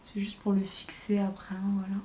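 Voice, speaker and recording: A woman's voice: mid-range voice, completely flat delivery, moderate pace, warm tone, slight background noise. A woman vlogger chatting casually through a makeup tutorial, hesitant and thinking aloud as she goes. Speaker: beauty vlogger.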